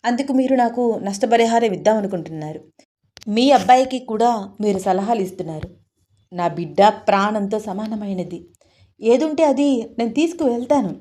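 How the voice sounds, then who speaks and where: A woman's voice: fairly high pitch, animated, moderate pace, lightly acted. A woman voicing a prying, accusing older woman. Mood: aggrieved. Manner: accusing, loud and tearful. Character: blunt meddling older woman, grieving mother.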